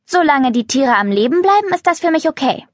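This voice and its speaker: A woman's voice: high voice, sing-song, a little fast, no echo, clean studio sound, voice pushed up. A woman voicing a spirited, earnest girl who cares about animals, in a children's storybook reading. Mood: firm.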